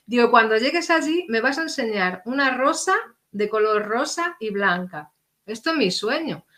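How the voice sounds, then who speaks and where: A middle-aged woman, earnestly telling a personal story as an interview guest and acting out the dialogue. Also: a little high. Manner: earnest, animated, acts out quoted dialogue.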